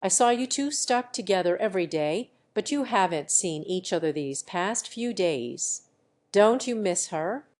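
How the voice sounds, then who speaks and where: A woman's voice: mid-range voice, animated, a little slow, a little mellow, lightly acted. A woman voicing a curious young male classmate who asks friendly but probing questions.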